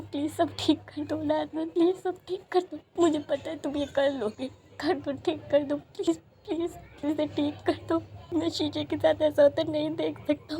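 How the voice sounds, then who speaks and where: A woman's voice: sits high, warm tone, pitched above the performer's own voice. A woman voicing a hurt young man who cries and pleads in a raised, strained voice. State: crying.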